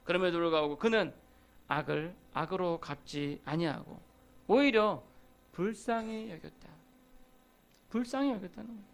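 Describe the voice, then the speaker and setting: A man's voice: high voice, moderate pace, gravelly, long pauses. A man preaching a Sunday sermon as pastor, talking conversationally and acting out quoted grumbles from everyday life. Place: church sanctuary.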